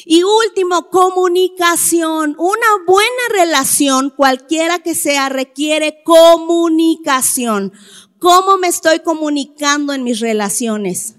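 A woman gives a talk to a live audience, her voice set high and her delivery slow and deliberate. She leans hard on key words and keeps turning to her listeners with rhetorical questions. A long echo from a hall follows every line. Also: fairly bright tone, faint music behind. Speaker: speaker addressing a church or group audience. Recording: echoey hall.

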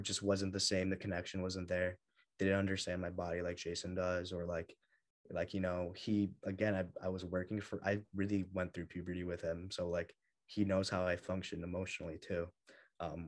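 A young man chatting in an interview, telling stories in a lively way and laughing often. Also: deep voice, fairly quick. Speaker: guest bodybuilder. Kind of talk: casual interview chat.

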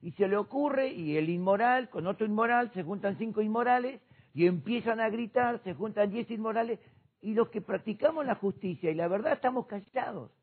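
Man, pastor, husky higher voice, fervent preaching, tinny phone-like sound. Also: lively intonation, fairly quick. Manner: impassioned preaching, rising to shouts. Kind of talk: church discussion program.

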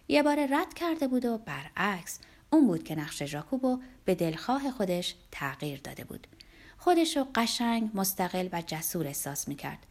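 A woman narrating a novel, her pitch moving in lively, animated swings. She reads expressively and sometimes drops to a hushed near-whisper. The pitch sits in a middle register. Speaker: audiobook narrator.

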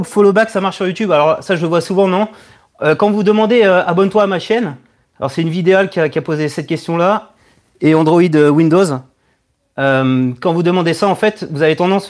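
In a casual live stream, a late-thirties man with a fairly high voice takes questions from viewers. The online video creator stops and starts, hesitating and repeating words while working out what to say.

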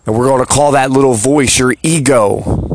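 A man's voice: mid-range voice, moderate pace, slight background noise. A man hosting a podcast, delivering a reflective motivational monologue with frequent rhetorical asides. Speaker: podcast host.

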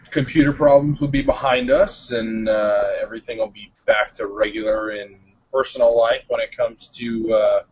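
A man co-hosting over a telephone line, muffled and dull as if he were talking from inside a barrel. His voice is husky and breathy, and his pitch swings up and down a lot. He stumbles and restarts and drops in exclamations like "good gracious". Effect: muffled phone line that sounds like he is inside a barrel. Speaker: podcast co-host. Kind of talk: casual chat.

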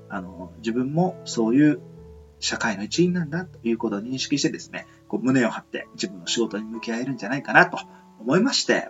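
On a homemade amateur radio show, a medium-pitched male host muses in a rambling, reflective monologue, his intonation very animated and swinging. He is polite and earnest, feeling for his words, while the dull, slightly muffled lo-fi sound carries guitar music underneath.

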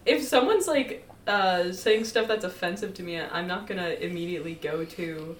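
A woman's voice: lowish voice, normal speed, echoey room, distant mic. A woman co-hosting a casual podcast chat, teasing and joking. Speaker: podcast co-host.

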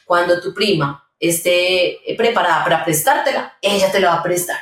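A woman, a pedagogue guest giving calm, step-by-step parenting advice in conversation. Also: on the low side, moderate pace. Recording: roomy sound, mic at a distance.

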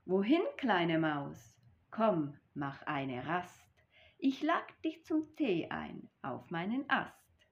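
Woman playing a fussy hooting owl, big pitch leaps, storybook. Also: big pitch swings, slow pace, exaggerated voice. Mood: inviting. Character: genteel owl inviting to tea. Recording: dull lo-fi recording.

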